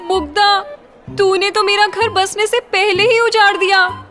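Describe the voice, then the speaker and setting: Lady doing a young college girl, high shrill and over the top, teasing her bestie. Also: steady tone, a little slow, bright, forceful tone, faint music behind, heavily acted. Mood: teasing dramatic. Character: dramatic young college woman, jealous teasing friend.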